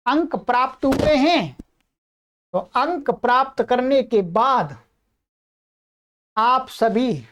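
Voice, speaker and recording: A woman teaching Sanskrit in a recorded lesson, going over an answer sheet with a patient, explaining manner. She reads translations and examples slowly, word by word, and keeps checking in with the listener. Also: high-pitched, lo-fi sound.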